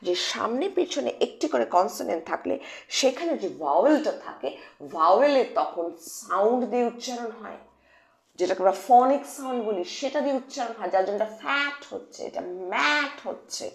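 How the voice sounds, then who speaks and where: A woman with a Bengali accent teaches English phonics to children in Bengali, patiently repeating key points and quizzing her pupils. Her voice is a little high, expressive, and a little fast, with vocal fry. The lesson is recorded in an echoey room.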